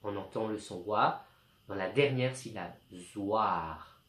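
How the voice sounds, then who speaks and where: A male teacher giving a slow, clear home lesson to young children, speaking patiently. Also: fairly low pitch, a bit bright, echoey room.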